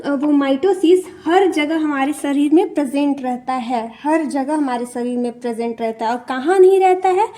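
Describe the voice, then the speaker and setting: A young woman giving an exam-prep lesson in Hindi and English, her voice high and mellow. She talks slowly, repeats each key term and keeps checking that her listeners follow. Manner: repeats key terms and checks in with "theek hai". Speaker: teacher.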